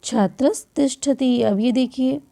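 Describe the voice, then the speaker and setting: A woman with a fairly high, gravelly voice teaches grammar at an unhurried pace. She walks through each rule step by step, asking questions and answering them herself. She clears her throat now and then and corrects small slips as she goes. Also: dark tone. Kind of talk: classroom grammar lesson.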